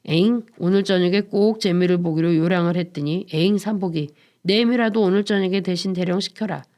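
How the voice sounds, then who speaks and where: A woman's voice: fairly low pitch, brisk, warm tone, close to an everyday voice. A woman voicing a domineering, lecherous male provincial governor in a dramatized book reading. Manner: blustering, commanding.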